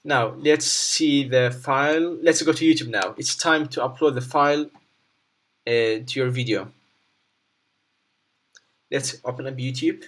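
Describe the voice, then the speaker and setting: Halting man giving step-by-step software instructions. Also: medium pitch. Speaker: tutorial presenter. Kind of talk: unscripted screen-recording tutorial, step-by-step instruction.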